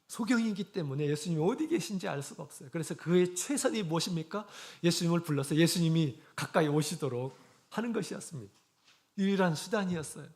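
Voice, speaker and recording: Earnest preaching man, slightly high voice. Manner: earnest, leads congregation in slow unison scripture reading; frequent drawn-out fillers between phrases. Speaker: shepherd preaching a sermon. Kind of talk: sermon.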